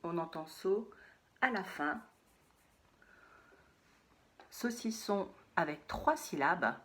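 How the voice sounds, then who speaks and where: A woman teaching a phonics lesson to young children, saying words slowly and repeating them, sometimes in a whisper. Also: fairly low pitch, animated, fairly bright tone.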